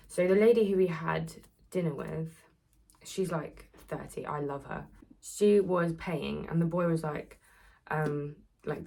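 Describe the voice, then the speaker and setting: A woman's voice: low voice, gravelly, a little mellow, husky. A nineteen-year-old woman rambling through a casual storytime while doing her beauty routine, with lots of "like.". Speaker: influencer.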